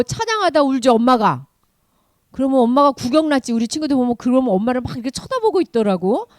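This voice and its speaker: A woman giving a children's sermon, animated, asking the children questions and acting out the story. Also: on the high side, no echo, clean studio sound. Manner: animated, asks children questions, acts out quotes. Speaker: children's ministry preacher.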